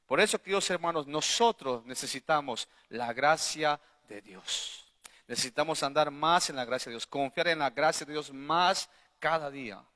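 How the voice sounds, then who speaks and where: Bright-voiced male pastor in a reverberant church. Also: a little high, moderate pace. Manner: emphatic preaching, frequent rhetorical questions to the congregation; swings between loud bursts and quiet asides. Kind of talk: sermon. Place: church hall. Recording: long hall reverb.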